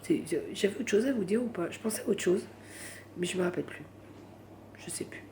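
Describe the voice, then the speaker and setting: A woman's voice: medium pitch, brisk, mellow, slight background noise. A woman vlogging late at night from home, chatting casually and rambling, saying voilà at the end of her sentences.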